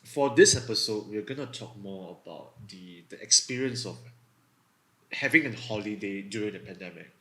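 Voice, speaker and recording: A man's voice: fairly low pitch, lively intonation, moderate pace, a bit bright, reverberant, rough recording. A man from Singapore with a Singaporean English accent, hosting a podcast in casual chat, hesitant with many fillers and restarts. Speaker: podcast host.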